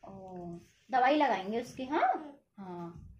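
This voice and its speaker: A woman's voice: on the high side, sing-song, slow pace, dull audio. A woman at home asking a toddler playful questions in a coaxing, sing-song baby-talk manner. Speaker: host of a toddler-activity channel. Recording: echoey room, faint background noise.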